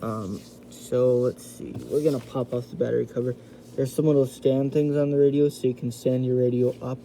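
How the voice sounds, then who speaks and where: The recording is rough and carries some background noise as a man reviews a radio from inside his house. His medium-pitched, dark voice stays fairly even at a moderate pace, and his hands-on review is loose and chatty, aimed right at "you guys" watching.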